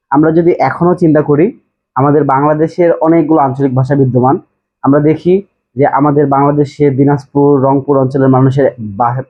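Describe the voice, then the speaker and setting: Husky-voiced male teacher from bangladesh, slightly high, patient explainer, lo-fi phone-like sound. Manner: explanatory, repeats key terms, checks understanding. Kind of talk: classroom lecture. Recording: tinny phone-like audio.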